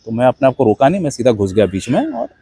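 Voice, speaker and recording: A man's voice: mid-range voice, wildly swooping pitch, fast, dark tone, breathy edge. A man telling a rambling personal story in a casual monologue, dropping in English words. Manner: rambling anecdotal, mixing Hindi with English words. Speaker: host.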